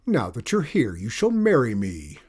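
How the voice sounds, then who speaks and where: A man's voice: mid-range voice, wildly swooping pitch, normal speed, a little mellow, husky. A man reading a storybook aloud, voicing a pompous, blustering male evil enchanter with an indignant manner.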